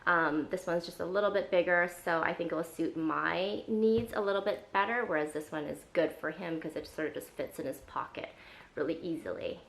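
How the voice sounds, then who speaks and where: A woman's voice: fairly low pitch, a little fast, creaky, a bit bright. A woman vlogger chatting casually and enthusiastically through an unboxing, with frequent ums.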